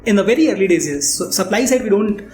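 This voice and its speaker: A fast-talking man with an Indian accent and a high, darkish, expressive voice answers interview questions as a startup founder. He explains candidly and repeats phrases for emphasis, with a roomy echo and music underneath.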